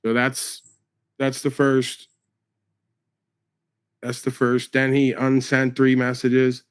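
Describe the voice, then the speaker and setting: A man's voice: medium pitch, completely flat delivery, takes it slowly, smooth. Profane New man ranting. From New York. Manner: profane, confrontational, mocking. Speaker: livestreamer. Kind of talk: angry livestream rant.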